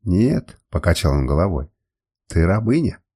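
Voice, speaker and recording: Brief: male reader as a shy teenage slave boy, soft-spoken, husky, mellow. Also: low voice, very animated, moderate pace, voice pushed down, exaggerated voice. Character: timid young male slave, gentle.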